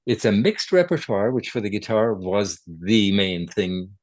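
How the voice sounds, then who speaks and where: An older man speaks in a low register, captured dry and close with almost no room sound. He chats easily as an interview guest, chuckling and correcting himself as he tells stories about his recording work. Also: very animated, unhurried, no echo. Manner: chatty storyteller, chuckles, self-corrects. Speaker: guest, guitarist and recording producer. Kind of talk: relaxed interview conversation. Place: his home.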